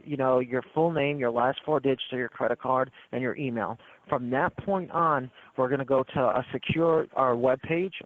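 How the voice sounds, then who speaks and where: Over a thin, tinny phone line with a little hiss or hum, a mid-pitched male tech support salesman runs a smooth, persistent sales script. He talks steadily and with practiced ease, repeatedly circling back to the same selling points.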